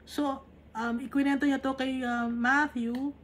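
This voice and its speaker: With slight background noise, a Filipina Bible teacher reads verses in English and then talks through them in conversational Tagalog, checking in with small tag questions. Her voice is high, with little pitch movement, at a measured pace.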